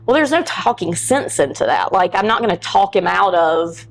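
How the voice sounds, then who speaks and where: On a low-quality recording, a middle-aged woman with a medium-pitched voice and lively intonation speaks at a moderate pace. As a podcast guest she shares a personal story in a frank, candid way, performing the quoted lines of the people involved.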